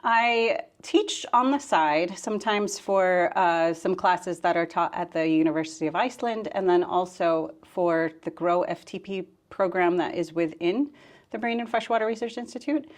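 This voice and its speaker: A woman's voice: fairly low pitch, moderate pace. A woman, a scientist guest chatting in an easygoing, conversational way. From United States. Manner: easygoing and conversational, thinking aloud. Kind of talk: casual interview chat.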